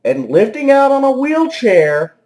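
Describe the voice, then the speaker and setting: A man's voice: very high voice, sing-song, measured pace, darkish tone. A man reviewing a wrestling show in an angry, profane and sarcastic rant. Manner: exasperated and profane. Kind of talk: angry ranting commentary.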